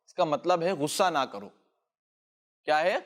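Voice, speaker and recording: A man's voice: a little high, very animated. A man hosting a children's show, patiently teaching a lesson and repeating phrases for the children to echo back.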